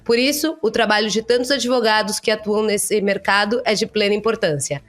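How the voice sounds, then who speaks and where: A woman's voice: mid-range voice, a little fast, faint music behind. A woman hosting a podcast interview, greeting the audience with enthusiasm and asking eager questions. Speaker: podcast host.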